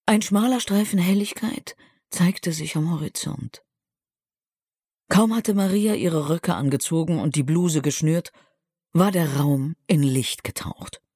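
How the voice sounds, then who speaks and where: A man reading a historical novel aloud as an audiobook narrator, in a measured, even delivery. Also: fairly high pitch, in a large hall. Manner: measured, evenly paced reading.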